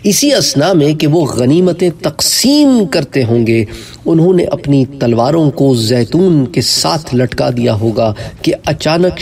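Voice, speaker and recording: A man giving a religious lecture in earnest, emphatic preaching style, with a Pakistani Urdu accent, rising in pitch when he stresses a point. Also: gravelly, recorded from a distance. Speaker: Islamic preacher.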